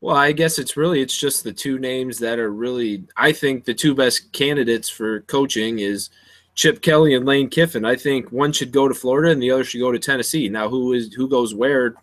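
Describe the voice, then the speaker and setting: A man's voice: mid-range voice, fairly quick, fairly bright tone, dry recording. A young man co-hosting a casual sports chat, opinionated and making dry jokes. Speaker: co-host.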